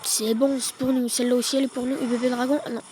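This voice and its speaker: A woman giving relaxed, chatty play-by-play commentary on her own gameplay, with quick excited bursts. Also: on the high side, rough recording. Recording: noticeable background noise.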